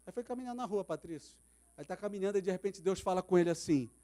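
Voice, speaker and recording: A man's voice: high voice, lively intonation, fast talker, warm tone. A man with a Brazilian Portuguese accent, preaching a sermon as pastor at a church service, telling stories dramatically. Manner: dramatic storytelling, acting out quoted voices.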